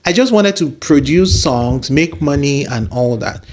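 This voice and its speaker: A man's voice: fairly high pitch, a little slow. Nigerian guy chatting about his music career, easygoing storyteller voice. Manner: animated storyteller, acts out quoted voices. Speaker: interview guest, musician. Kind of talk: casual interview storytelling.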